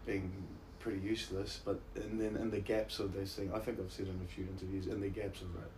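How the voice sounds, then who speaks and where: This rough recording, with slight background noise, catches a thirtyish New Zealand man with a broad accent talking quickly in a lowish, level, slightly mellow voice. As an interview guest who acts and plays music, he chats casually, trading anecdotes with slang and self-deprecating humor.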